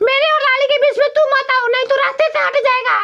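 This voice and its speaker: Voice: very high voice, little pitch movement, quick pace, sharp tone, lo-fi sound, heavily acted. A performer voicing jealous male cartoon vegetables who boast and trade insults over a tomato in a comedy cartoon. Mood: pleading. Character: squeaky jealous male vegetable lovers, bickering.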